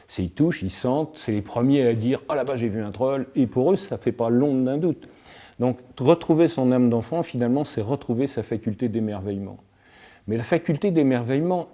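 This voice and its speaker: A man's voice: mid-range voice, warm tone. A man speaking as a guest in a discussion, philosophical and playful, telling everyday anecdotes and playing with words. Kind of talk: reflective talk in a discussion.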